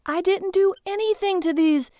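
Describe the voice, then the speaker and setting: A woman's voice: very high-pitched, moderate pace, warm tone, no room sound, studio quality, voice pushed up. A woman voicing a polite, exasperated adult male traveler who is sometimes sarcastic. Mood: confused.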